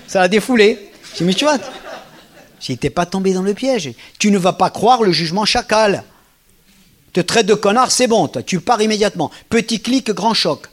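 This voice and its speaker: Male speaker, somewhat high-pitched, animated and informal, playing out voices while he tells stories to an audience. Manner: lively storytelling, acts out quoted dialogue; casual, slangy speech with repetitions. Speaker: lecturer. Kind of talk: public talk to an audience.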